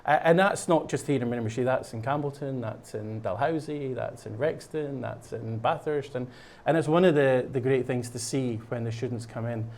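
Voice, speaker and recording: This man from Scotland, with a Scottish accent, has a medium-pitched, darkish voice at normal speed. While painting in a studio as a guest on a local show, he casually explains a program, rambling with lots of fillers and restarts.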